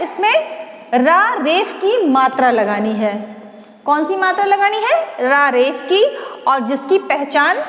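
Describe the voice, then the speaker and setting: A woman teaching young children, asking questions and answering them herself while she sounds out each syllable slowly. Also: very high voice. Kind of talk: classroom lesson for children. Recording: echoey room with long reverb.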